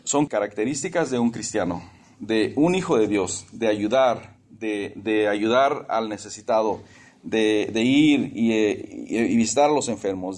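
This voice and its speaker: A man's voice: fairly low pitch, darkish tone. A man preaching a sermon in a conversational, lightly humorous way, repeating his points.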